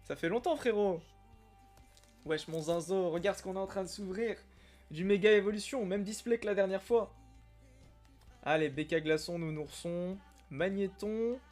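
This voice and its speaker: A young man chatting casually on a live stream while opening trading card packs, reacting with excitement and greeting viewers by name. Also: high-pitched, moderate pace, soft background music. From Algeria. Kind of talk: casual live-stream chat reading comments.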